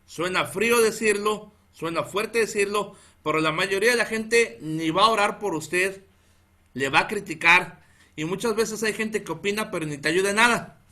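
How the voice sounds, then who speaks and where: A pastor in his thirties with a northern Mexican accent, preaching in an animated storytelling way and calling out to the brethren again and again. His voice is bright and forceful and sits a little high for a man. He chuckles at his own story. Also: normal speed. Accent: northern Mexican Spanish. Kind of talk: storytelling sermon to a congregation.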